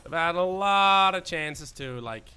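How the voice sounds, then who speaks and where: A young man whose first language is Danish, speaking with a Danish accent, streams a game and chats with viewers, giving live gameplay commentary. His voice is on the high side, pushed and bright, with lively intonation and a slightly slow pace, and he rambles with many fillers and restarts.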